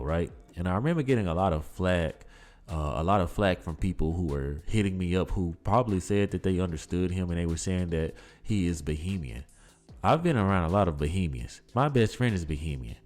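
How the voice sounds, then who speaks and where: A man's voice: sits low, darkish tone. A man hosting a sports podcast, talking through the news loosely with lots of fillers and rhetorical questions. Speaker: podcast host. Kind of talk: casual sports commentary. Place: home setup, voice-over on photos.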